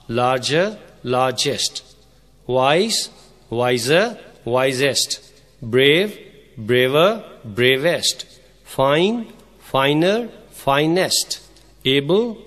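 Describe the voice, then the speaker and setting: A man teaching English grammar in Urdu. He reads each English rule slowly, explains it, then spells out letters and syllables one by one. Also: mid-range voice, a bit bright. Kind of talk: scripted grammar lesson. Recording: long reverb, like a hall.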